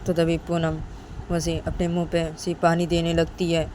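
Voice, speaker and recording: A woman's voice: fairly low pitch, completely flat delivery, moderate pace, darkish tone, slight background noise. A woman narrating a serial love story in a casual, rambling way, repeating the characters' names constantly.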